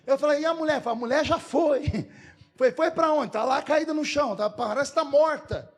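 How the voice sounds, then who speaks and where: A man's voice: very high-pitched, normal speed. A man with a Brazilian Portuguese accent, a pastor telling a humorous story in a sermon and acting out the dialogue.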